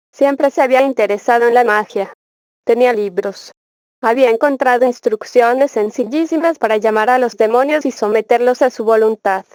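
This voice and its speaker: A woman reads a spelling lesson aloud in a clear, steady textbook manner. Her voice sits a little high, and the close recording sounds dry, with no room around it. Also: no room sound. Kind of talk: read-aloud grammar lesson.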